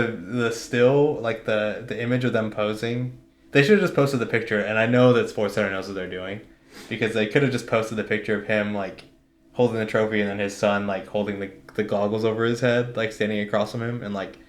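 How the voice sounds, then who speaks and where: Low-voiced young man rambling in casual talk. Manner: rambling, many "like" fillers, laughs often. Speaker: podcast co-host. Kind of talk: casual sports chat. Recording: echoey room.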